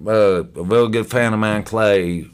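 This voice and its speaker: Blunt, low-voiced man telling his story. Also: a little slow, smooth. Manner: blunt and profane, gets loud when reliving moments; repeats words as he restarts sentences. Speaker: podcast guest. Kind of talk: casual storytelling.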